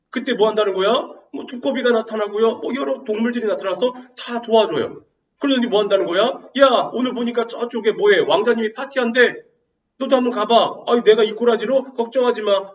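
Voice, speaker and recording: A man teaching literature in a lively lecture, firing rhetorical questions and teasing his students. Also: high voice, reverberant, recorded from a distance, dull audio. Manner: asks rhetorical questions and answers himself, teasing. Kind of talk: animated classroom lecture.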